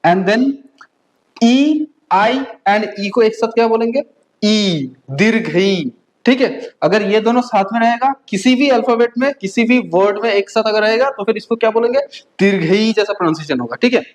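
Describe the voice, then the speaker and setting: A woman from India teaches a beginner class at a measured, methodical pace. She spells sounds out one by one, and a steady "okay?" runs through her speech to keep learners with her. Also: fairly high pitch, low-quality recording. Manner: patient drilling, frequent "okay?" check-ins, slow spelled-out letters. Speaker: German language teacher. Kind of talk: beginner language lesson.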